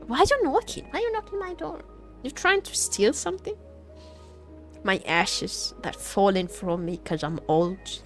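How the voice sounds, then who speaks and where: Over video game music, a woman streamer with a mid-range voice talks a little slowly as she chats casually and playfully during gameplay. She often repeats her phrases and teasingly role-plays as a vampire.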